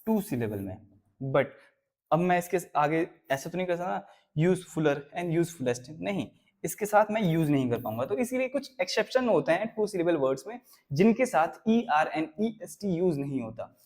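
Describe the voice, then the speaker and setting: A young man with a fairly high voice teaches a school grammar lesson. He explains each point step by step and keeps checking in with his students. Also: very animated, normal speed, darkish tone.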